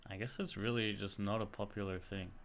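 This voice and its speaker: An Australian livestream host with an American-sounding accent chats casually to himself and greets viewers while searching on his computer. His voice is lowish and a little fast, with fairly even intonation and a slight hiss or hum. Keyboard typing and clicking can be heard.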